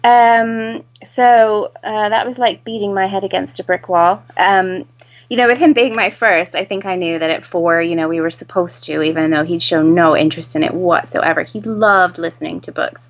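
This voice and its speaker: An American woman with a fairly low voice and a lot of vocal fry. She talks casually as an interview guest, on a slightly muffled recording. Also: moderate pace. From United States. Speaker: interview guest, home-educating mother.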